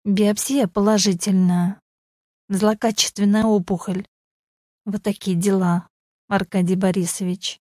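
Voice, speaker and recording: A middle-aged woman who speaks bluntly and with grim resignation, voiced by a woman narrator. Her voice is mellow and dark in a dry, close recording. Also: medium pitch, flat delivery, unhurried, no room sound, lightly acted.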